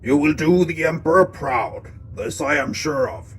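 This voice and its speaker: A man voicing a stern older warrior-priest who makes slow, solemn pronouncements. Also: on the high side, animated, slight background noise, pitched above the performer's own voice, rough recording. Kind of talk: audiobook-style story narration.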